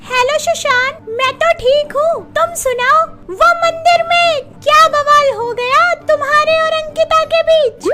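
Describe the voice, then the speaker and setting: A chatty, high young friend. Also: female voice, unhurried, few pauses, over loud music. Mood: gossipy. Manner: lively, gossipy chatter.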